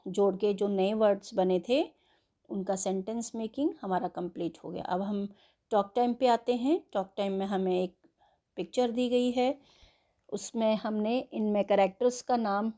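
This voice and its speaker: Woman, English teacher, slow patient explaining, spells words aloud, dark mellow tone. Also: medium pitch, highs cut off. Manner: spells words letter by letter and translates into Hindi. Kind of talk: explaining a worksheet lesson.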